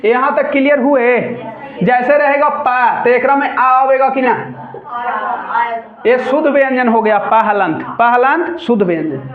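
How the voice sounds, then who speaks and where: A man's voice: extremely high pitch, unhurried. A man with a Bihari Hindi accent teaching a grammar lesson to a classroom, constantly asking questions and repeating the key sounds for students to answer. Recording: echoey room, tinny phone-like sound.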